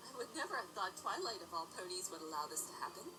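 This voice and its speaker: A woman's voice: on the low side, big pitch swings, fast, noisy background. A woman as a gracious pony princess. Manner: formal, courteous. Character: calm gracious elder princess, female pony. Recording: distant voice under loud music.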